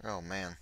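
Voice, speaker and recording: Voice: sits low, pushed and bright. A streamer chatting casually over a visual novel playthrough, laughing and reading lines aloud. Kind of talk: casual let's-play commentary.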